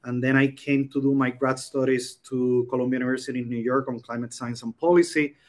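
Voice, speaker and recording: A man's voice: mid-range voice, fairly even intonation, a little fast. Man from Puerto Rico, forties, hesitant with fillers, presenting on a video call. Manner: hesitant, many ums and uhs. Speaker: program coordinator presenting. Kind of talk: online conference presentation.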